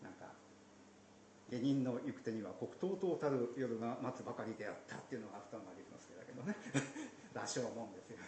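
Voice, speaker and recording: A man teaching from the Bible in a conversational way, slipping in playful asides and soft laughs. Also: medium pitch, very animated, a little fast. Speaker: pastor. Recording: roomy echo, faint background noise.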